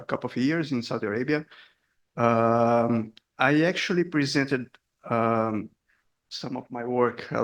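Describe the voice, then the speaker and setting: A middle-aged Brazilian man with a medium-pitched voice and vocal fry gives an academic seminar talk in a hall as a guest speaker. He sounds hesitant, fills his speech with fillers, and laughs at himself.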